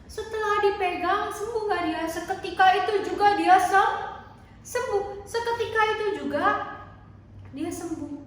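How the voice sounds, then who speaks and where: High sing-song Sunday school teacher. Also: female voice, heavy reverb, recorded from a distance. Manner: slow, sing-song, animated. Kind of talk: storytelling to toddlers.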